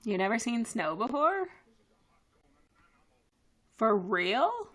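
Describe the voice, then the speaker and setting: Her voice sits a little high, sing-song and a bit bright, and she speaks slowly. She's a young woman, French by first language, chatting loosely on a live stream in her living room through a headset and webcam, full of fillers and rambling.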